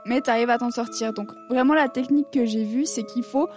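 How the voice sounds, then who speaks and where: A woman hosts a radio show from the studio in a loose, chatty way. Her voice sits a little high, and she laughs often between lines. A faint music bed plays underneath. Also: fairly quick, a little mellow. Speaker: radio host. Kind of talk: casual radio chat.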